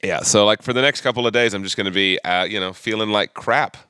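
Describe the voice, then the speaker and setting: A man's voice: on the low side, fast, bright, forceful tone, clean tone, no room sound. A man co-hosting a casual podcast, congested from allergies, rambling and joking at his own expense. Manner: rambling, self-deprecating joking. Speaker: podcast co-host.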